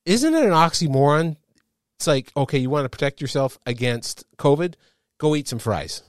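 Lively, laughing man co-hosting a podcast. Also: fairly high pitch, normal speed, no echo, studio quality. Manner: laughs often, animated storytelling. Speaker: podcast co-host. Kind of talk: casual chat.

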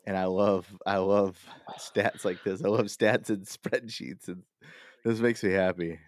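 A man co-hosting a casual podcast, rambling and swearing with lots of fillers, excitable. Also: low voice, a little slow, no room sound, clean studio sound. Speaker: podcast co-host.

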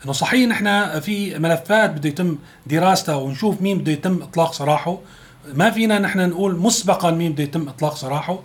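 A man with a Syrian accent delivers a rapid news commentary, racing through his points. His voice sits a little high for a man, and he slips sarcastic, chatty asides into the rundown. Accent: Syrian Arabic. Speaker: political commentator.

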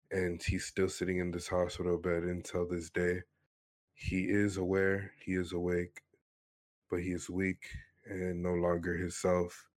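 A man in his twenties from Miami tells his personal story in an earnest, matter-of-fact way during a casual interview. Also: low-pitched. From Miami, Florida, USA. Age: 20s.

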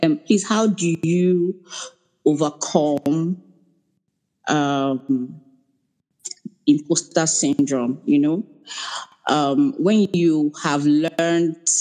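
Nigerian woman, caller, slow deliberate speech, mellow tone, polite and hesitant. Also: low-pitched, poor audio. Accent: Nigerian English. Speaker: caller, newcomer to the field. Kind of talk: asking a question in a live audio chat.

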